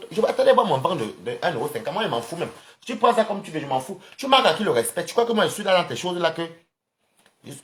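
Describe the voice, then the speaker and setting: A speaker from Cameroon with a Cameroonian accent, ranting casually and confrontationally to viewers on a social media live stream. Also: medium pitch. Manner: animated, rambling, confrontational, addresses viewers directly.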